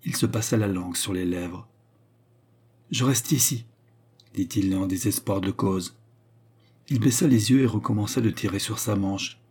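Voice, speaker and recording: A man reading a novel aloud in a slow, measured narration. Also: sits low, steady tone, darkish tone, breathy edge. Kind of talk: audiobook narration.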